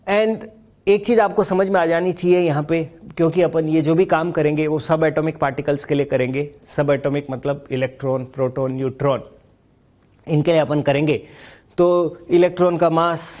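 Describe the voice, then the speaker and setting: Male physics teacher, lively rhetorical questions. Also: a little high. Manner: explains step by step, repeats key points, asks and answers his own questions. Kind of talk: classroom lecture mixing Hindi and English.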